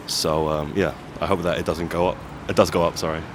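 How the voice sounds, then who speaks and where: Deep-voiced young man, street noise. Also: flat delivery, fairly quick. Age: young adult. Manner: thoughtful, a little tentative. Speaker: passer-by. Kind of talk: casual street interview. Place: busy city street outdoors.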